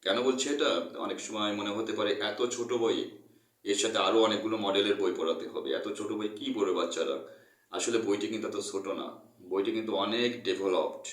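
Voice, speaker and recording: A man explains a textbook lesson, earnest and repetitive, with a low voice. He sits back from the mic in a roomy, echoey space. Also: a little fast, fairly bright tone, recorded from a distance. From Bangladesh. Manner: earnest, repeats points, mixes English terms. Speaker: English teacher.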